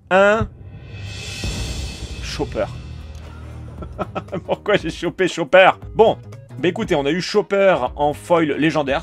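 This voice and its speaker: A man with a French accent chatting casually while opening trading cards, calling out each card and getting excited. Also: a little high. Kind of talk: casual card-unboxing commentary.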